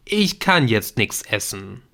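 A man voicing an excitable young man in an audiobook, talking urgently and emphatically. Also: fairly low pitch, slow pace, heavily acted. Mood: excited. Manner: urgent, emphatic, a little brash.

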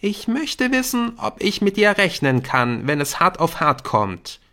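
An anxious, earnest schoolboy, as a male audiobook reader puts him on, pleading and pressing his friend. The voice sits well above the reader's own, lifted high and swinging widely in pitch. It sounds urgent and worried throughout. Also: big pitch swings, unhurried, bright, forceful tone, exaggerated voice. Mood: worried, insistent. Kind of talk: audiobook character voice.

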